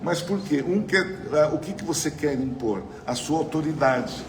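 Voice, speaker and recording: A man's voice: fairly high pitch, animated, moderate pace, crowd noise. A man with a Brazilian Portuguese accent leading a spiritual study group, talking conversationally into a microphone and often asking the room questions. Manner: chatty, asks the audience questions, frequent tag questions. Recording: roomy hall with faint noise.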